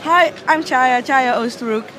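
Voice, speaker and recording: A woman's voice: sits high, a little slow. Enthusiastic woman, crowd behind. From Netherlands. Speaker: company executive. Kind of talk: vox pop interview.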